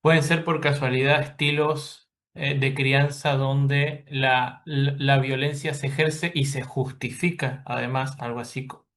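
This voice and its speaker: A man's voice: medium pitch, flat delivery, measured pace, few pauses, a bit bright. A man hosting an interview, paraphrasing the guest thoughtfully with hesitant restarts. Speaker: podcast host. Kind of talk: conversational interview.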